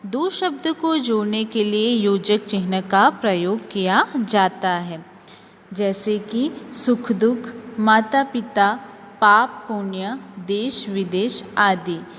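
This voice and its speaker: Slow, patient woman teacher. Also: mid-range voice, a bit bright. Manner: slow, careful explaining, reads example sentences aloud. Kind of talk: school grammar lesson. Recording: long reverb, faint ambient noise.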